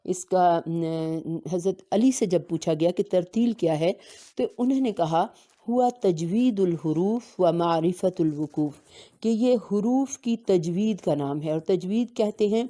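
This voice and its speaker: A woman teaching Quran recitation in a lowish, mellow voice. She explains at a steady pace and slows down to recite the Arabic verses with care. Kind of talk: religious lesson.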